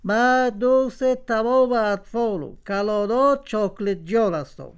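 A woman's voice: on the high side, clean tone, close to an everyday voice. A woman voicing a proud, touchy talking chocolate character with an Afghan Dari accent, boastful and easily offended.

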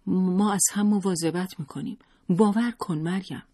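A man's voice: sits high, expressive, pitched above the performer's own voice. A man reading a story aloud and voicing a desperate young woman who pleads with a tearful, choked voice. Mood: pleading.

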